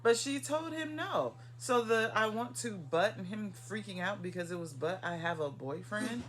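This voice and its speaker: A co-host in a casual chat recapping a cartoon, chatty and emphatic with quick asides. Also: medium pitch, expressive, fairly bright tone, slight background noise.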